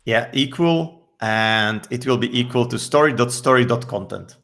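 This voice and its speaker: A man's voice: mid-range voice, moderate pace, fairly bright tone. A man explaining code step by step as a guest, patient and a little hesitant with many fillers. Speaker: developer guest explaining a tool. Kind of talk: casual technical explanation.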